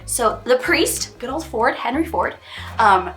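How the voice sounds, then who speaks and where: A woman's voice: on the high side, lively intonation, measured pace, over music. A woman in her twenties talking in a chatty confessional interview, filling her talk with little asides. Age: 20s. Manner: chatty, filler-heavy, giggly. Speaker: reality show contestant.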